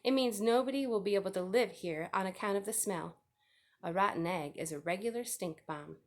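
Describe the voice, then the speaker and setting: A woman's voice: mid-range voice, natural voice. Woman as Charlotte, gracious eloquent spider. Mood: assured. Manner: formal, measured, wordy. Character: gracious, eloquent female spider, formal and wise.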